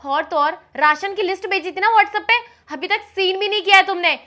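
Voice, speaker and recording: An actress playing a quick-tempered young woman arguing with her live-in partner, sharp and scolding. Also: very high-pitched. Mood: angry. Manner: sharp, scolding, turns to pleading. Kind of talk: scripted short-film acting.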